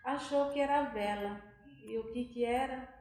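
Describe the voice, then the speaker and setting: A woman spins a ghost tale in a homey, chatty way, ending her phrases with little tags. Her voice sits a bit high. It rings around a very echoey room with soft music underneath. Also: moderate pace. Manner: folksy, frequent "né?" tags. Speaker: storyteller. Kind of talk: oral ghost story telling.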